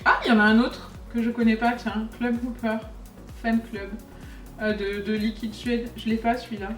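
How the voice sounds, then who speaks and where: This beauty vlogger, a young woman, unboxes makeup and chats casually, even addressing the products. She speaks at a moderate pace in a fairly high, level tone, far from the mic and a bit off-mic in an echoey room, with faint background music.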